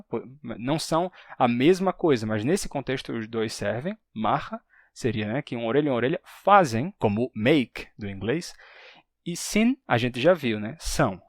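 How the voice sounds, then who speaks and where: A man's voice: medium pitch, no room sound, clean studio sound. A man with a Brazilian Portuguese accent teaches a language lesson step by step and keeps checking in with the listener. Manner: explains step by step, often checks in with "né?".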